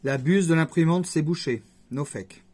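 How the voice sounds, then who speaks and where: Against a noisy background, a man with a slightly high voice speaks at a moderate pace. He's a YouTube host chatting loosely to camera, wandering off into jokey asides.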